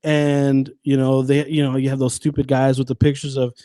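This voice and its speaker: A man's voice: medium pitch, completely flat delivery, normal speed, mellow, no echo. A man in his twenties, a podcast guest in casual chat, rambling with many restarts and swearing freely. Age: 20s.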